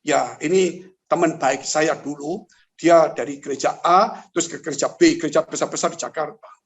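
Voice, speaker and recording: A man's voice: fairly high pitch, moderate pace. A man, a pastor, teaching in a church talk show, speaking to his listeners directly with rhetorical questions and acting out the stories he tells. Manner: animated, rhetorical questions, addresses listeners as brothers and sisters; storytelling with vivid acted-out exclamations.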